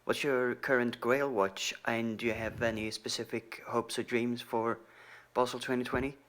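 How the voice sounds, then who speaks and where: A man's voice: mid-range voice, fairly even intonation, moderate pace, fairly bright tone. A man leaving a polite, friendly voicemail for a podcast, played back over a phone line. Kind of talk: recorded voicemail message to a podcast.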